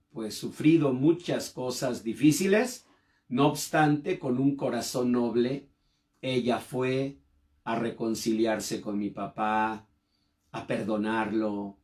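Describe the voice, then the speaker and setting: Slow-speaking preacher man. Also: darkish tone. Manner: slow, emotional storytelling with sudden rises in pitch and volume. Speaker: pastor. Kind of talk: sermon with personal testimony.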